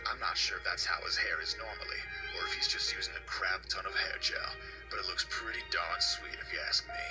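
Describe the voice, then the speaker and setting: A man narrating a parody countdown in a breathy, mock-seductive whisper, deadpan throughout. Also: deep voice, a little fast. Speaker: video narrator. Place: home. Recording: voice-over with loud music behind.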